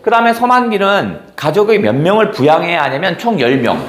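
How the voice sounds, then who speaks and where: Male teacher, literature lesson, lively pitch, echoey room. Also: fairly quick, a little hiss or hum. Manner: casual explaining, asks and answers his own questions; reads dialogue aloud in character. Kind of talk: exam-prep lecture on a novel.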